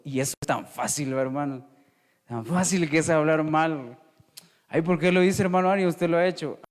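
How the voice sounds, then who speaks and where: A man with a Guatemalan Spanish accent preaching a sermon, calling his listeners "hermano" and moving between loud emphasis and hushed asides. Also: mid-range voice, long reverb tail.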